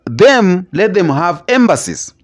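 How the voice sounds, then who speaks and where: A man's voice: high-pitched, very animated, takes it slowly, no room sound, clean studio sound, soft background music. A man hosting a casual reaction talk, asking questions and repeating himself. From Africa. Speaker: host.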